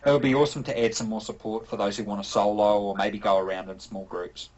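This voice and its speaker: A man's voice: lowish voice, steady tone, quick pace, darkish tone, muffled recording. A man with a New Zealand accent, a game developer answering interview questions in a thoughtful, rambling way with many fillers and restarts. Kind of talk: casual interview answers over an online call.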